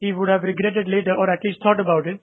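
A high-voiced man hosts a podcast interview, speaking quickly and casually as he frames his questions. His voice comes through thin and narrow, like a phone line. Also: flat delivery. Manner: chatty, asks loosely phrased questions. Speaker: podcast host. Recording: tinny phone-like audio.

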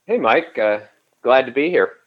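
Over a muffled, lo-fi phone call from home, a podcast guest recounts his story in a relaxed interview. His voice is medium-pitched and expressive at normal speed, with plenty of restarts and "you know."

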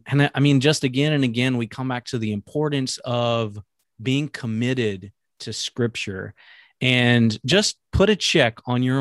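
An earnest man co-hosting a faith-based talk show, speaking in a middle-pitched voice. He talks in a measured way, pausing often on ums and restarting his sentences. The recording is dry and close, with no room sound. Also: dry recording.

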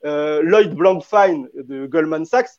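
Guy with a highish voice debating, keeps restarting his sentences, kinda dull dry audio. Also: slow, darkish tone, no room sound. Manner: hesitant, many restarts and repeated words. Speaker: debate panelist. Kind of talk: spontaneous debate argument.

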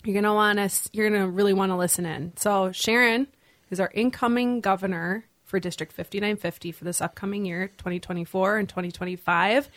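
A woman's voice: medium pitch, dry recording. Woman podcast host, dry studio sound. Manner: warm, laughs easily. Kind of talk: casual interview chat.

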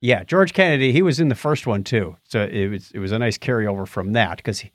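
On a podcast, a middle-aged or older male co-host casually chats about movies and books, rambling and groping for names. His low-leaning voice moves briskly, with a clean studio sound and no echo.

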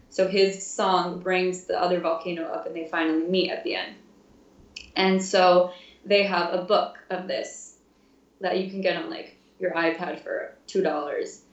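A woman in her twenties, a music therapy intern, chatting casually in an interview with frequent fillers and laughs. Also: fairly low pitch. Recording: roomy, distant, dull sound.

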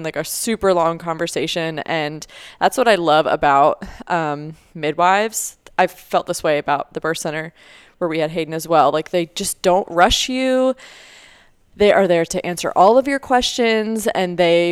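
A young woman co-hosting a podcast in a relaxed, chatty way, leaning on fillers and laughing easily. Her voice sits a little low and comes through smooth and clear. The sound is dry and close, with no room around it. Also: no echo. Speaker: podcast co-host. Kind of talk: casual chat.

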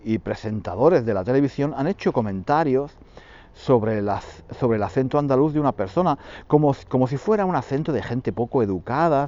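A man hosting a podcast lesson for Spanish learners, repeating phrases slowly for his listeners. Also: mid-range voice, warm tone, highs cut off. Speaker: podcast host teaching Spanish.

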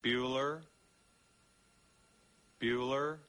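An actor playing a bored schoolteacher calling the roll in a deadpan monotone, from a noisy film clip. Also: male voice, mid-range voice, drawn-out words. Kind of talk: film comedy acting.

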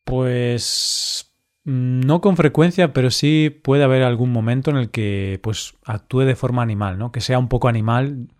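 A man from co-hosting a casual podcast for language learners, talking slowly and clearly and laughing often. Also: mid-range voice, a little mellow. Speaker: podcast co-host.

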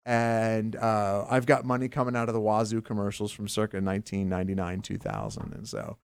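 A man from Pennsylvania co-hosting a podcast, chatting casually with emphatic, animated opinions and frequent restarts. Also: fairly low pitch, fairly quick, clean tone, no echo, clean studio sound. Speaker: podcast co-host. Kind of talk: casual chat.

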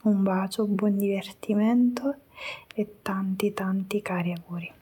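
A woman's voice: medium pitch, steady tone, a little slow, mellow, breathy edge. A woman whispering her heartfelt wedding wishes to a couple in a video message. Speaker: friend sending wedding wishes.

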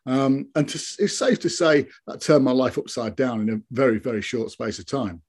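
A man's voice: mid-range voice, moderate pace, darkish tone, breathy edge. A man in his early fifties giving a reflective personal account as an interview guest, speaking in an earnest, matter-of-fact way. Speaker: interview guest, stroke survivor.

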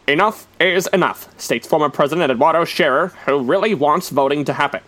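A man's voice: fairly high pitch, a little fast, a bit bright. A man narrating history segments in a comic mock-newsreel announcer style, dry and wry. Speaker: radio show host.

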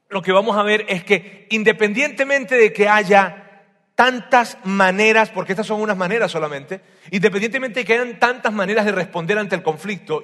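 A man preaching a sermon on family life. He talks in an animated way, repeats his phrases, and swings from loud bursts to soft asides. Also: high voice. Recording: long hall reverb.

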